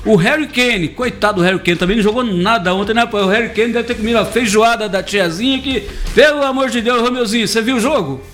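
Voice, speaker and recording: A sports commentator from Brazil, a man with a high voice, talks about football in a joking, animated way and teases his co-hosts. Faint music plays underneath. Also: fast talker, few pauses. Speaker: sports commentator on a radio show. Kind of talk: casual sports talk.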